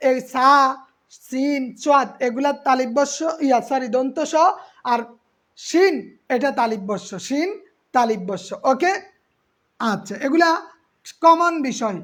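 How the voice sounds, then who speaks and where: A woman's voice: high voice, unhurried, pauses often. A woman teacher giving an exam-prep class, patiently repeating terms and quizzing her students.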